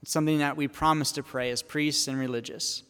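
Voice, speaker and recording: A man, a priest, giving a Sunday homily at a pulpit microphone in a church, speaking in a measured way and posing questions to the congregation. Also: a little high, steady tone, a bit bright, clean tone. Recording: long church reverb.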